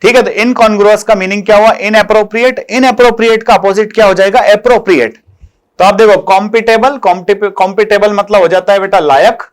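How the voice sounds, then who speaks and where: Young male exam-prep tutor, fairly high voice, affectionate and repetitive question-and-answer teaching. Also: fairly even intonation, a little fast. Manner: addresses students fondly as "beta" and "bachche", asks and answers his own questions. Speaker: English vocabulary teacher. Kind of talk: online exam-prep lesson.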